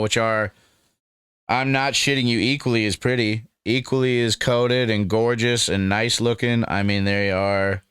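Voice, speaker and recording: A man's voice: lowish voice, fairly bright tone, clear, resonant tone, dry recording, clean studio sound. Laid-back young man reviewing on camera. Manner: laid-back and rambling, calls the viewer dude and man. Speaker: cannabis strain reviewer. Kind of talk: casual review vlog.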